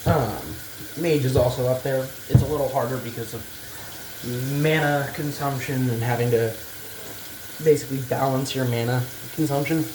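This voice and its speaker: A gaming video maker rambles through unscripted game commentary, thinking aloud in a casual, hesitant and bluntly sweary way. His mid-range voice has fairly even intonation and a moderate pace, and a clear background noise like running water can be heard.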